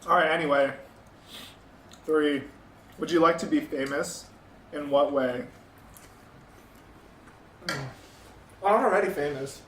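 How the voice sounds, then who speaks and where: A man's voice: fairly high pitch, takes it slowly, long pauses, a bit bright. A young man hosting a vlog, answering questions casually while eating, humming "mm" between thoughts. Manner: eats while talking, hums "mm" between thoughts. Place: indoors at a meal. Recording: echoey room, mic at a distance, faint noise.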